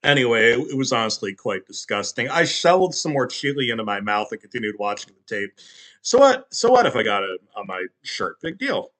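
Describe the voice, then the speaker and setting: A man narrates a parody creepypasta and breaks off into crude, sarcastic asides. His voice is bright and forward. His pitch swings widely as he moves between mock suspense and jokes. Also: very animated, a little fast, few pauses.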